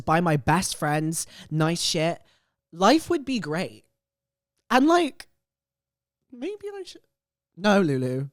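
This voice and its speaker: Young woman, show host, gleeful gossipy manner, swooping expressive pitch, emphatic repetition, opinionated casual chat, dry sound. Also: dry recording. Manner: emphatic, repeats phrases for effect. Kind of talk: casual chatty reaction to read-out confessions.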